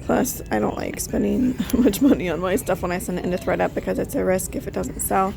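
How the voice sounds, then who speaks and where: A woman's voice: medium pitch, brisk, creaky, music in the background. A woman narrating a casual thrift vlog as a reseller, chatting and thinking aloud with frequent fillers. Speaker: reseller vlogger.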